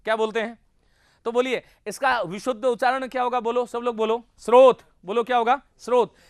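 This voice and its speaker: Guy teaching hindi grammar, super high voice, keeps asking the class to answer back, dry room. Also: steady tone, fairly quick, clear, resonant tone, no room sound. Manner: drills students with call-and-response questions; earnest, exhorting. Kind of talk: classroom lecture.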